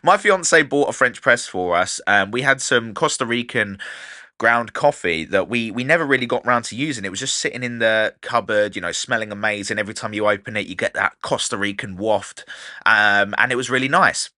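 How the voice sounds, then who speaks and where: A man of thirty hosting his own podcast in a casual, animated way, fast-talking and wired on coffee. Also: on the low side, no echo, clean studio sound. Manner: chatty, animated, swears casually. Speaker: podcast host and DJ. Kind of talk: casual solo podcast monologue.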